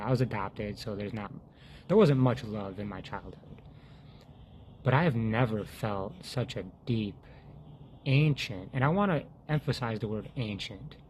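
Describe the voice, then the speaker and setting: In a lowish voice, a man gives an earnest faith testimony as a vlogger, speaking haltingly and frequently starting sentences over. When he recites his prayers he sinks to a hush, and there's slight background noise.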